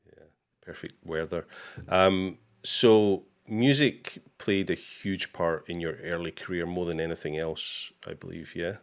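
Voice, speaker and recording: The host of this live interview show is a man with a very deep, low, creaky voice and a measured pace. Casual in manner, he greets people and reads viewer comments out loud, with laid-back fillers like "uh" and "um" scattered throughout.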